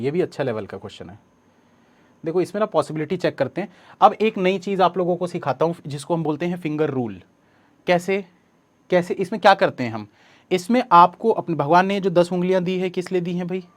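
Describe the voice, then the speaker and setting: A man, teaching an exam coaching lesson step by step and reading the questions slowly aloud. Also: high-pitched.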